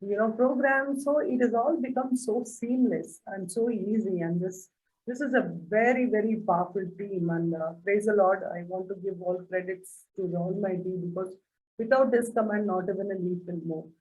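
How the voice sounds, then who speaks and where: A woman's voice: mid-range voice, normal speed, darkish tone, far from the mic, poor audio. A woman speaking earnestly on a panel, telling anecdotes with many "you know"s. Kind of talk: reflective talk with anecdotes.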